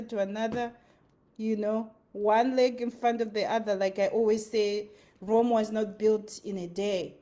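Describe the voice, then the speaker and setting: A Zimbabwean-accented woman gives a sincere motivational talk as a speaker, echoing her own phrases for emphasis, in a mellow, slightly high voice.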